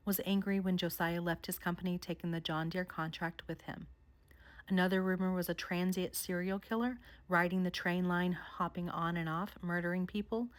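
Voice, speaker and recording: Lady vlogger reading out spooky house stories, kinda low voice, calm measured delivery. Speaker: paranormal vlogger. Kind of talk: scripted narration.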